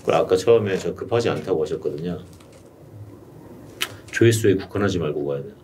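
With a low, darkish voice and a slightly fast pace, a middle-aged YouTube coach patiently and steadily advises a client one-on-one in a small studio room. A desk mic on a stand records him from afar, leaving faint room noise.

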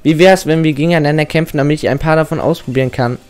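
A man's voice: fairly high pitch, very fast, a little mellow, smooth, faint music behind, voice pushed up, lightly acted. A man reading aloud the lines of an eager teenage boy rival trainer in a game, earnest and keen.

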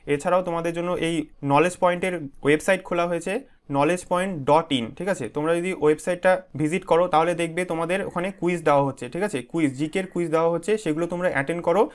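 Bengali guy teaching english vocab, voice sits a bit high, says "okay?" after everything, breaks big words into syllables. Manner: repeats "ঠিক আছে?" constantly, drills pronunciation syllable by syllable. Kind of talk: exam-prep vocabulary lesson.

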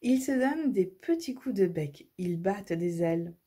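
A woman reading a children's audiobook, lively and expressive. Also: lowish voice, moderate pace, slightly rough. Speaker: storyteller.

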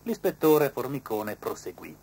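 Woman storyteller, children's book, very animated melody. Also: rumbling low, measured pace, slightly rough. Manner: lively expressive reading.

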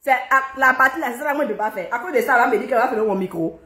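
In an echoey room over background music, a woman singer chats fast with a fairly high, sharp voice, a faint hiss or hum on the track. Playful and slightly out of breath, she jokes and bursts into worship lines.

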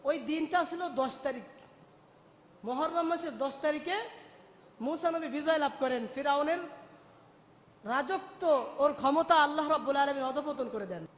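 High-voiced preacher chanting in a long hall. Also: male voice, normal speed, pauses often. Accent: Bangladeshi Bengali. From Bangladesh. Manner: melodic rising and falling delivery, emotional, addresses listeners as brothers. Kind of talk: Bengali waz sermon, chanted storytelling.

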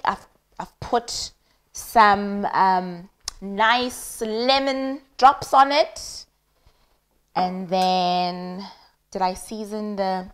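A young South African woman with a South African accent, casually telling a personal story while cooking, acting out the people she quotes. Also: medium pitch. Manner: animated, acts out quoted voices, mixes in isiZulu. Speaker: cooking vlogger.

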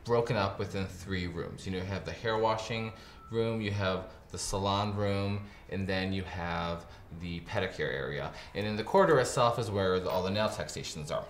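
A man's voice: low voice, moderate pace. A man in his thirties, an interior designer, walking someone through a redesigned spa and explaining the changes with enthusiasm and lots of fillers like "um" and "kinda.". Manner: enthusiastic, gesturing, filler-heavy. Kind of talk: walkthrough tour explanation. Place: indoor spa salon, echoey rooms. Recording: echoey rooms with room noise.

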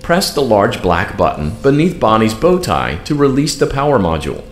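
A man voicing a polite, upbeat artificial guide in a horror game, giving precise, formal scripted instructions in a measured way. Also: lowish voice, sing-song. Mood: calm, instructive. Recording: roomy game audio with light noise.

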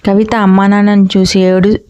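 A woman's voice: mid-range voice, flat delivery, moderate pace, dark tone, smooth. A woman reading a family drama story aloud, speaking each character's lines in her own voice. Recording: muffled lo-fi recording.

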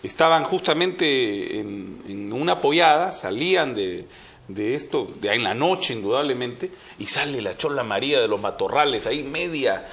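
Bright, animated Peruvian male storyteller. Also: mid-range voice, normal speed, vocal fry. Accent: Peruvian Spanish. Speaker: politician guest. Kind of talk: storytelling on a TV chat show.

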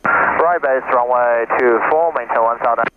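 Male pilot calling the tower on a cockpit headset, tinny intercom sound, loud engine drone behind. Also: medium pitch, moderate pace, noisy background. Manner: clipped, businesslike radio phrasing. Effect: pilot speaking through a cockpit headset. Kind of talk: radio calls to the tower. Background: loud aircraft engine drone.

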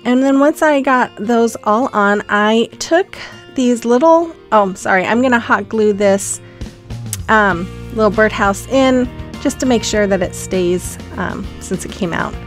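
A woman's voice: on the high side, a little slow, soft background music. A woman hosting a casual craft tutorial voice-over, chatty and rambling with frequent ums and restarts. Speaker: craft channel host.

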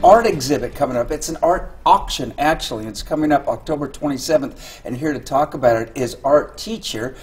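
A middle-aged man hosting a TV studio interview, guiding guests with brisk questions, on a lapel mic. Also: mid-range voice, darkish tone, breathy edge. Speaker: TV news host. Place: TV news studio set, seated.

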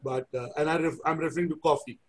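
A man's voice: fairly high pitch, fairly even intonation, fast talker. A middle-aged man with an Indian accent, hosting an interview in a chatty, self-deprecating way over a video call. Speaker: interview host. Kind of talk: conversational interview. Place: indoor room, video call.

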